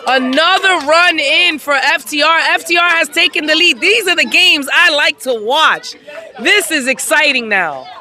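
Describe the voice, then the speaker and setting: A woman calling a softball game play by play from outdoors at the field, excitable and hyping each play with shouts. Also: high-pitched, moderate pace. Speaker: play-by-play commentator. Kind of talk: amateur sports commentary.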